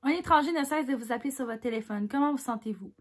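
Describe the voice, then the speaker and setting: A woman's voice: high-pitched, fast. A woman with a Québécois French accent chatting casually as she reads quiz questions aloud and answers them candidly. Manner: chatty and candid, reads each question louder then mulls over answers with little laughs.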